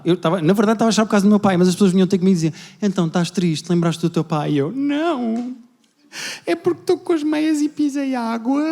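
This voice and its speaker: Stand-up comic, young man with a European Portuguese accent, high and quick delivery, animated, live hall reverb. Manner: rapid, animated storytelling, acting out family members. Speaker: stand-up comedian. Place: large indoor venue with a live audience.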